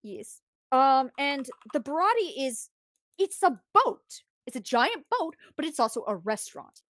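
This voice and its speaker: A woman streamer casually retelling a story, animated and rambling, often restarting her sentences. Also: sits high, measured pace.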